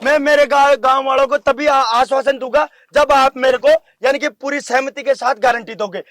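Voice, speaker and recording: A man with a Rajasthani accent playing a village headman in a comedy sketch, loudly pleading and shouting complaints at a politician. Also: very high voice, steady tone, moderate pace.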